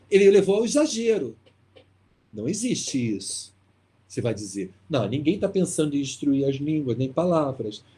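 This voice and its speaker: A man leading an online literature class in a casual, lively way, reading passages and asking rhetorical questions. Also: a little high, slightly rough. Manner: lively, talkative, exclaims and asks rhetorical questions. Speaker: literature teacher leading a course.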